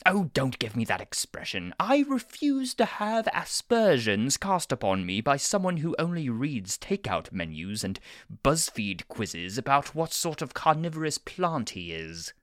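A woman's voice: rumbling low, sing-song, measured pace, no echo, clean studio sound, heavily acted. A woman voicing a prim, bookish male angel who talks in a flustered, waspish way.

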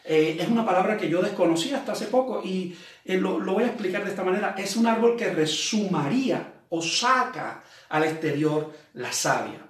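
A man preaches in a relaxed, conversational way, reading verses slowly before unpacking them and often asking his listeners rhetorical questions. His voice sits a little high for a man. He sounds set back from the microphone in a very echoey room. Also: recorded from a distance. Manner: reads scripture aloud slowly, then explains it. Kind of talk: sermon.

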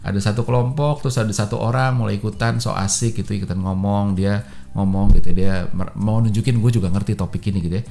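A man's voice: fairly low pitch, steady tone, fast, vocal fry, dark tone. A man hosting a podcast, explaining in a casual way with slang and lots of fillers. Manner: informal Jakarta slang, many fillers. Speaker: podcast host.

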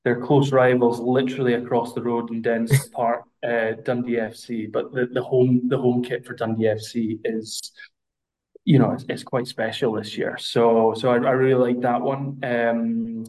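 Scottish male podcast guest, monotone, halting with fillers. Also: mid-range voice, low-quality recording. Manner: hesitant, many fillers and restarts. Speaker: brand representative guest. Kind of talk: podcast interview.

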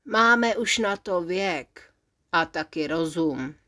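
A woman voicing a sly, conspiratorial uncle in a bedtime story, talking slow and hushed with a hiss. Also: on the low side, animated, voice pushed down.

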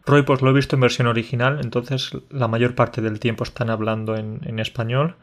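A man's voice: medium pitch, flat delivery, a little fast. Playful Andalusian man in casual chat. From Andalusia, Spain. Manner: friendly, joking, playful. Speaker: podcast co-host. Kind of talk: casual conversation.

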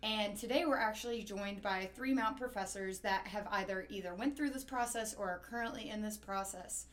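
A woman's voice: medium pitch, normal speed. A young woman hosting a student podcast interview, chatty and full of fillers. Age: young adult.

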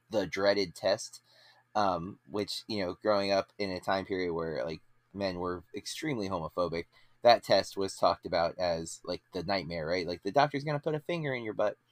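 A man's voice: deep voice, dry recording. A man in his late thirties hosting a movie podcast, talking in a casual, rambling way with many fillers and restarts. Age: 30s. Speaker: podcast host. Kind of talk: casual chat.

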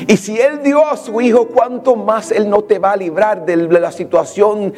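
A man's voice: high voice, measured pace, darkish tone, faint music behind. A man preaching a sermon with fervor, building up through strings of repeated declarations.

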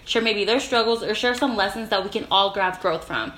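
A woman's voice: medium pitch, brisk, fairly bright tone. A young adult woman hosting a podcast, upbeat and encouraging toward her guest. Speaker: podcast host. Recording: echoey room, faint noise.

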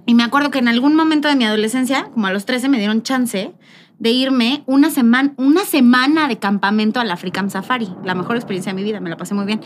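A Mexican woman with a high voice chats casually as a podcast co-host. She laughs easily and acts out voices, with a faint hiss of noise behind her. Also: quick pace. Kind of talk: casual chat.

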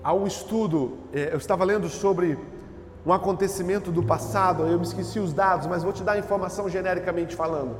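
High-voiced shouting preacher in echoey hall. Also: male voice, fast talker, soft background music. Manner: preaching with surges into shouting and repeated phrases. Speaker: pastor. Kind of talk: sermon. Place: church.

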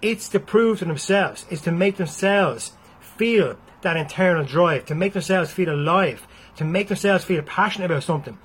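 Husky Irish man giving blunt pep talk. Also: high-pitched, normal speed. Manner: blunt, swears freely. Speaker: motivational speaker. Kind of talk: motivational vlog talk.

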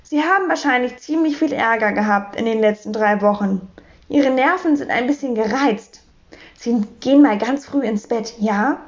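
A woman voicing an indignant, fussy middle-aged landlady who scolds and bosses in a shrill voice. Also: animated, moderate pace, lo-fi sound, close to an everyday voice. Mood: coaxing.

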